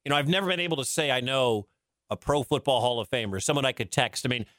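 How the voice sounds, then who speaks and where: Man, sports radio host, chatty storyteller, dry close sound, mid pitch. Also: quick pace, a bit bright, dry recording. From Detroit, grew up in Wisconsin. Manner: chatty, storytelling, laughs often. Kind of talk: casual radio talk. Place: radio studio.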